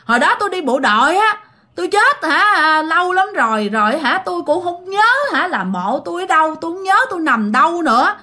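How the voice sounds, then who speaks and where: A woman plays the restless ghost of a middle-aged uncle in a spoken ghost story, pleading and agitated. The voice sits far above her own, wailing and insistent, with a bright, piercing edge that swings widely in pitch. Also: very animated, brisk, heavily acted. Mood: plaintive.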